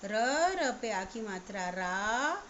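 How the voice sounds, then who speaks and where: A woman teacher giving an online class to young children, spelling words out slowly sound by sound. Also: medium pitch, expressive, fairly bright tone, a little hiss or hum. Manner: slow, sound-by-sound spelling aloud. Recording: slightly dull, lo-fi recording.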